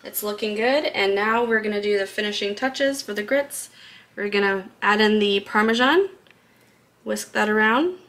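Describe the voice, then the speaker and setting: A woman's voice: medium pitch, normal speed, fairly bright tone. A woman explaining a recipe step by step in a casual, chatty cooking video, recorded in a home kitchen, laughing now and then. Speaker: cooking vlogger.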